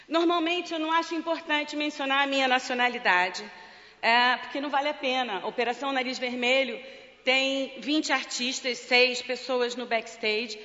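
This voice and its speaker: A Brazilian woman, a charity president and clown, gives an award acceptance speech in a large parliament hall, her bright, high-sitting voice carrying a Brazilian Portuguese accent at normal speed. Emotional and jokey, she fights back tears. The lo-fi recording has long hall reverb.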